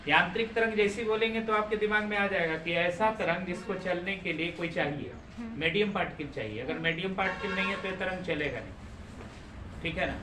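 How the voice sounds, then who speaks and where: A man with a high-pitched voice teaches physics in a classroom lecture at a normal pace, often putting questions to the class and repeating their answers. He's recorded from far off in a roomy classroom with a noisy background.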